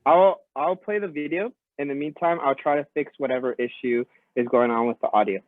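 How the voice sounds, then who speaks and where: A man's voice: on the high side, fairly quick, no room sound. A male teacher leading an online class, politely taking feedback, his voice muffled as if heard through a wall. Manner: polite, thanks students for feedback. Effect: muffled, as if heard through a wall or underwater. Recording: muffled, phone-like computer mic audio.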